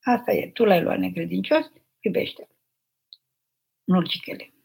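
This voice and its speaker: An older woman, an abbess, reading out viewers' questions and answering them in a gentle, motherly, unhurried way during a live spiritual question session. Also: fairly low pitch, lively intonation, gravelly, slightly rough. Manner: gentle, motherly, unhurried, addresses listeners tenderly. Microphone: live stream microphone.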